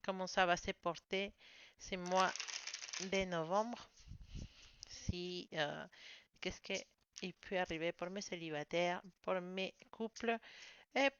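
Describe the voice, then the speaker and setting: Femme à l'accent étranger, tirage de tarot. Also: female voice, fairly low pitch, slow, long pauses, fairly bright tone, clear, resonant tone. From outside France. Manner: apologetic, friendly, hesitant with many fillers. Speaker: tarot reader. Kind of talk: casual tarot reading to camera. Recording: slightly dull lo-fi sound.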